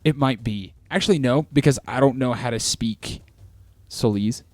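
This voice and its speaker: A man's voice: mid-range voice, normal speed, a little mellow, dry recording. A man co-hosting a casual chat about tabletop game lore, rambling with lots of restarts and filler words. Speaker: co-host.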